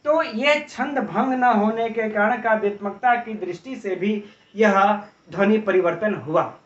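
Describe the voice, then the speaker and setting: High-voiced man teaching in a roomy, distant recording. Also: a little slow. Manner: explains with examples and asks rhetorical questions; frequent tag "है ना". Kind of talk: exam-prep lecture. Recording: roomy, distant, dull lo-fi audio.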